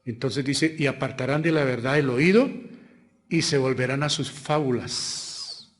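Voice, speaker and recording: A man preaching a sermon as pastor, with a Colombian Spanish accent, asking rhetorical questions and swinging between loud emphatic lines and quiet asides. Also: mid-range voice, measured pace.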